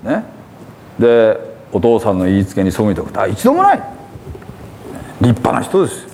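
A man's voice: fairly low pitch, huge pitch swings, moderate pace, darkish tone, a little hiss or hum. A man preaching a sermon with a Hiroshima accent, retelling a parable and acting out the characters' lines. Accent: Hiroshima dialect.

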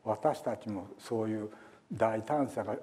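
Older man, pastor, folksy sermon, warm mellow voice. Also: lowish voice, a little slow. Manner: folksy, chatty, acts out quotes.

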